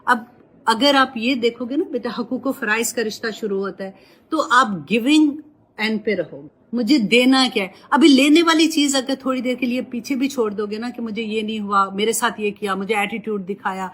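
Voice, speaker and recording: A woman Quran teacher giving gentle, motherly religious advice and mixing English words into her talk. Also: a little high.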